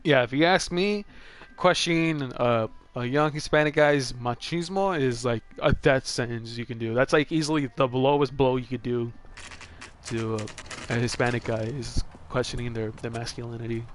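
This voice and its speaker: A man's voice: medium pitch, normal speed. A man giving casual commentary while streaming a game, laughing often and swearing heavily. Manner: laid-back, laughing, heavy swearing.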